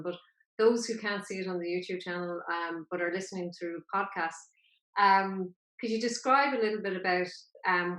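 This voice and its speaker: A woman's voice: on the low side, a bit bright. A woman with an Irish accent hosting a conversational podcast interview, wordy and often rephrasing her points. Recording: echoey, roomy sound.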